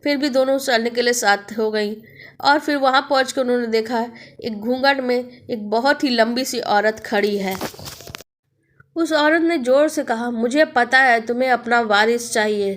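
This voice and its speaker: A woman narrating a spooky moral story in a plain, steady reading voice. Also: fairly high pitch, unhurried.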